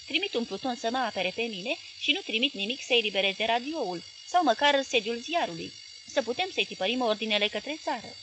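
An outraged middle-aged newspaper owner snaps sharp, exasperated questions, as a woman reads him aloud in an audiobook. The voice sits fairly high and pushes louder than the narration around it. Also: animated, slight background noise. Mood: indignant.

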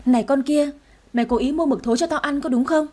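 A woman's voice: high voice, fast talker, mellow, close to an everyday voice. A woman doing a rude, spiteful young woman. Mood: sneering. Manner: insulting, sneering.

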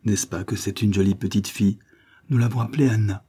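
A man with a husky voice voicing a kind young wealthy wife who warmly insists that her governess stay. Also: lowish voice, steady tone, brisk. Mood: solicitous. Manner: warm, insistent, solicitous.

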